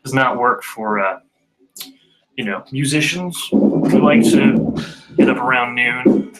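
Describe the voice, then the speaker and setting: A man's voice: medium pitch, takes it slowly, over a noisy crowd, rough recording. A man from a band casually chatting on a studio livestream, laughing often and rambling through restarts. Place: recording studio with drums being tracked.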